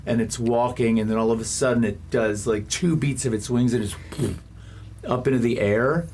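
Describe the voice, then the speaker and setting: A man improvising narration as game master of a tabletop game, in descriptive, stop-start phrases with dramatic pauses. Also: mid-range voice, a little mellow, a little hiss or hum.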